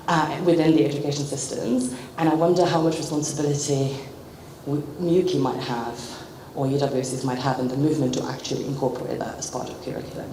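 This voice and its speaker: A Czech-born woman with a London British accent, a psychotherapist contributing from the audience, offers a spontaneous comment in a group discussion. Her low, mellow voice phrases things hesitantly and reflectively, and the room is echoey with background noise.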